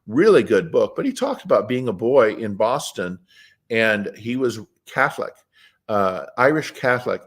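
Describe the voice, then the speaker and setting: A man's voice: medium pitch, very animated, normal speed, breathy edge. Rambling, opinionated man telling stories. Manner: rambling, digressive storytelling; plainspoken, opinionated. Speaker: interview guest. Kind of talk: casual conversational interview.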